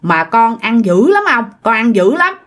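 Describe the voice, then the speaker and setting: A woman's voice: a little high, very animated, a little slow, a bit bright. A woman with a Southern Vietnamese accent voicing a humble, sickly young farmer husband who explains himself with puzzlement. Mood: puzzled.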